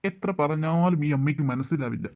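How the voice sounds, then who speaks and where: A woman's voice: low-pitched, fairly quick, phone-quality sound, pitched below the performer's own voice, lightly acted. A woman voicing a blunt, outspoken young man in a cartoon, mocking and impatient. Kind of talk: cartoon voice acting.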